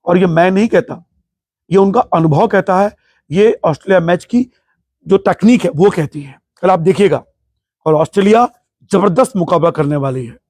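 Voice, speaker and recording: A man's voice: sits high, normal speed, darkish tone, dry recording, clean studio sound. A man hosting his own cricket talk show, giving an emphatic, opinionated monologue. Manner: passionate, emphatic, patriotic.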